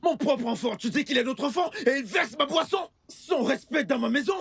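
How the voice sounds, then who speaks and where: A man's voice: extremely high pitch, lively intonation, brisk, gravelly, a bit bright, husky, heavily acted. A man playing a cruel, abusive husband and father, mocking and bullying in a French-dubbed film drama. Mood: contemptuous. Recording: film soundtrack with faint music.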